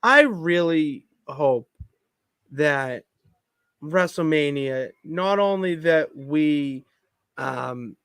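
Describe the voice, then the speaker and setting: A man co-hosting a podcast from his home basement, talking in an excitable, rambling way with many restarts. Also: fairly high pitch, very slow, smooth, no echo. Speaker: podcast co-host. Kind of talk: casual chat.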